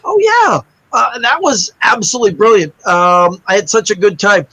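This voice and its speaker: A man's voice: sits high, normal speed, slightly rough, no echo, poor audio. A middle-aged man, a guest magician, telling a story in a casual interview and acting out the other people's lines. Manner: animated anecdote-teller, acts out quoted voices.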